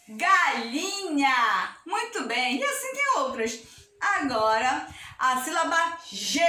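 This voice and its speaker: A young Brazilian woman teaches small children in a high, bright, sing-song voice that swoops up and down. She is unhurried and encouraging, and talks straight to the kids. She is recorded from a distance in an echoey room. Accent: Brazilian Portuguese. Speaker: preschool teacher. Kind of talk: video lesson for young children.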